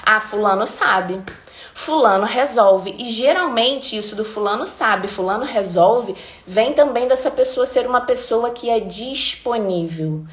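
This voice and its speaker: Brazilian woman, lively advice talk, roomy echo. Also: on the high side. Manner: animated, acts out little quoted voices. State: sweaty and warm after dancing. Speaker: live-stream host giving advice. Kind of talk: casual motivational talk.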